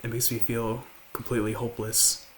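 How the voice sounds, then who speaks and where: A late-teen vlogger with a slight lisp speaks quietly and haltingly to the camera inside a large house, in a confessional way, with many fillers and restarts. His mid-range voice has little pitch movement, and there's a little hiss or hum.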